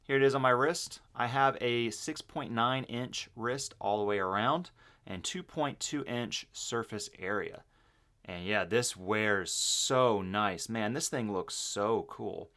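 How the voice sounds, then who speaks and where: A man's voice: medium pitch, slow, pushed and bright. A man casually unboxing and reviewing a watch, chatty and enthusiastic, thinking aloud with fillers.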